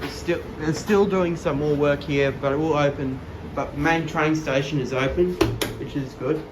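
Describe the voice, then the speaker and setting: A man's voice: on the high side, fairly even intonation, moderate pace. A man giving a casual narrated tour in short, simple observational remarks. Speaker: lift enthusiast filming and commenting. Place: train station and inside lifts. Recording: noisy handheld recording with station and lift noise.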